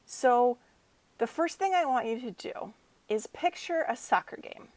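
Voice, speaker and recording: Animated woman telling a children's chapel story. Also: fairly high pitch, unhurried, no room sound. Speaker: children's minister.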